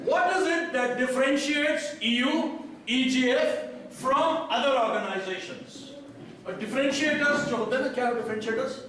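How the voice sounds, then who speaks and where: A man's voice: very high voice, fast talker, fairly bright tone. A man with an Indian accent, speaking at a conference, quizzing the audience and repeating their answers back. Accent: Indian English. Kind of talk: interactive talk to an audience. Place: conference hall. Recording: echoey hall from a distant mic, faint noise.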